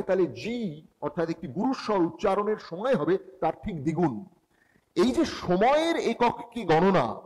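Brief: middle-aged male teacher, high voice, patient step-by-step lecture, long hall reverb. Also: darkish tone. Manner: explains step by step, addressing students directly. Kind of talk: classroom lecture.

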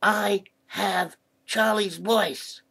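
A man's voice: sits high, steady tone, extremely slow, creaky, sharp tone, breathy edge, heavily acted. A man voicing a friendly, curious male puppet in a children's puppet show, chatty and playful. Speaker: puppet character.

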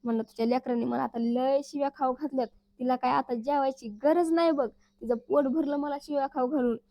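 A woman's voice: high-pitched, steady tone, fairly quick, no echo, muffled recording. A woman narrating a family vlog as a teasing, chatty comic storyteller who acts out the lines she quotes. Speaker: family vlogger.

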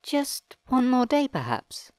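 A man's voice: very high voice, wildly swooping pitch, slow, a little mellow, no echo, clean studio sound, voice pushed up, heavily acted. A man voicing a curious young female explorer fairy in an audiobook, asking eager questions. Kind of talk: audiobook character voice.

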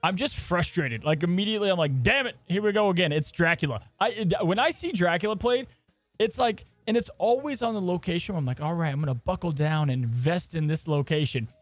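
A man with a fairly high voice co-hosts a gaming podcast, talking in a lively, joking way. The sound is dry and close, with faint music underneath. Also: fairly quick, dry recording. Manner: animated, jokey, hosting segments. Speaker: podcast co-host. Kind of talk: casual gaming podcast chat.

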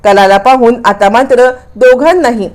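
A woman's voice: a little high, moderate pace, darkish tone. Female storyteller recapping a serial episode, explanatory tone.

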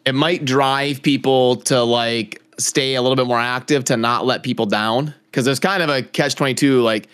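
A man in casual gaming chat, talking in a relaxed, easygoing, speculative way. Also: medium pitch, normal speed, clean tone.

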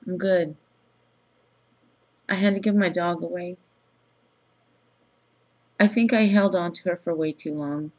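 A woman in her thirties who has just woken up, talking groggily and haltingly in a low-key, casual, confessional vlog. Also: fairly even intonation. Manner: halting, pausing often mid-thought. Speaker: vlogger. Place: small room indoors. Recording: dull lo-fi webcam sound.

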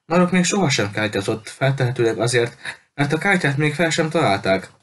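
A man's voice: mid-range voice, lively intonation, recorded from a distance, pitched above the performer's own voice, natural voice. A man voicing a bold, clever young boy. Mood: hushed. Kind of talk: audiobook character voice.

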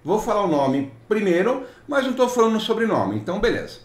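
A man's voice: sits high, sing-song, fast talker. Sarcastic Brazilian man ranting, roomy echo. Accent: Brazilian Portuguese. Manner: sarcastic, mocking, scolding. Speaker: IT technician vlogger. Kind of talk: ranting commentary reading client messages.

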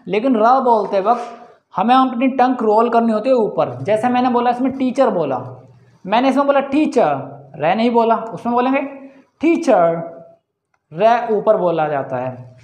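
A man teaching English pronunciation in a casual spoken lesson, slowly repeating example sounds and often calling his viewers guys. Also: sits high, expressive, a little mellow. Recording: roomy echo.

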